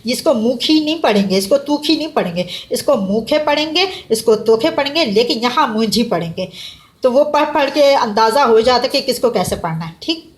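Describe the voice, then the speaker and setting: A woman teaching a class, patiently explaining and slowing down to spell out words for her students. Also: on the high side, expressive. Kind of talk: classroom lesson.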